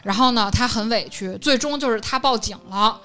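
A young woman, telling a story in lively casual chat and acting out the quotes. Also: fairly high pitch, fairly quick. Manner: lively, animated retelling, acts out quotes. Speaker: podcast co-host.

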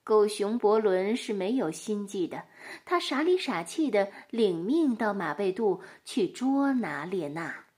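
A woman narrating a storybook with an expressive, animated delivery. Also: mid-range voice, a little slow.

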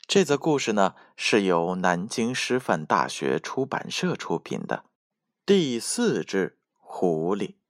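A man reading a children's picture book aloud as a storyteller, slow and expressive. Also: fairly low pitch, dry recording, studio quality.

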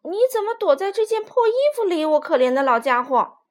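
A woman plays a jumpy young chick in a children's storybook who blurts out quick exclamations. The voice is very high and leaps wildly in pitch. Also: big pitch swings, a little mellow. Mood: startled. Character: young chick, excitable and easily startled.

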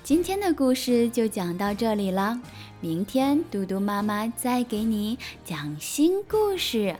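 A woman reading a children's story aloud as a storytelling mother, in a gentle, animated way. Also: a little high, measured pace, faint music behind.

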